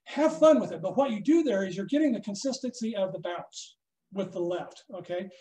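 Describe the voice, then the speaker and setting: A man teaching a snare drum masterclass, coaching a student hands-on and checking in often with a quick "okay?". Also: high voice, animated, mellow. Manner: instructive, checks in with frequent "okay?". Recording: echoey room.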